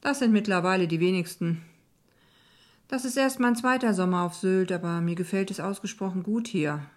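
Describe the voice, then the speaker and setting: A woman's voice: mid-range voice, moderate pace, natural voice. A woman voicing a friendly male sailing instructor in an audiobook, speaking upbeat and polite with a flirtatious edge. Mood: flirty.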